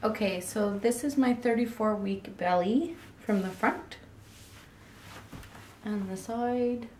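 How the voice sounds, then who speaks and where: A sore-throated woman in her twenties, sick with a cold, chats through her pregnancy update vlog with plenty of ums. She talks slowly at a medium pitch with a dark tone, and slight background noise joins the echo of a room recorded from afar.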